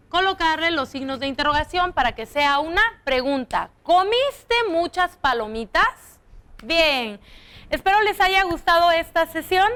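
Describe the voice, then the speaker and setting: A young woman teaching a primary school lesson on television, patient and slow, stretching out example sentences to show how they sound. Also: very high-pitched, pushed and bright.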